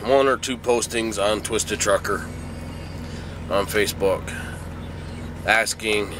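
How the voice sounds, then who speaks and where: A man's voice: fairly low pitch, steady tone, slow pace, noisy background. A middle-aged man, sick and groggy as if hungover, talks casually in a folksy, plainspoken way as a truck driver vlogging. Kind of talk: casual vlog talk. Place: truck cab.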